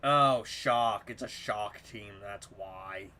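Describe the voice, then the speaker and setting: Excitable young man streaming a game. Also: fairly low pitch, slow. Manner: excitable, joking, talks to chat. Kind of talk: casual gameplay commentary to chat.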